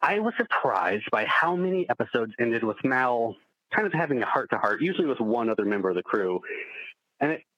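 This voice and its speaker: A man's voice: mid-range voice, sing-song, fairly quick, no room sound. A man leaving a casual voice message for a podcast as a fellow podcaster. He is easygoing and chatty, rambling a little with fillers and small chuckles. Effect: played-back voice message. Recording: dull lo-fi voicemail playback.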